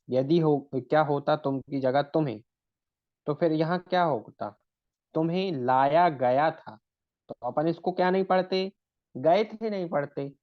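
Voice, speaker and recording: A man's voice: on the high side, no room sound, highs cut off. A man teaching shorthand in a recorded lesson, stretching out words one at a time as he explains. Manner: slow and deliberate, drawing out words one at a time.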